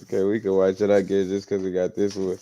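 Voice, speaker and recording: A man's voice: low-pitched, completely flat delivery, fast, over loud music. A man talking casually in a loose, slangy, offhand way. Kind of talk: casual talk in a clip.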